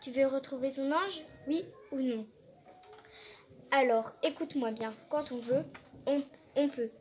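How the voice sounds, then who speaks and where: A woman's voice: high voice, measured pace, darkish tone, a little hiss or hum. A woman voicing a small talking portrait of a young man, wry and emphatic.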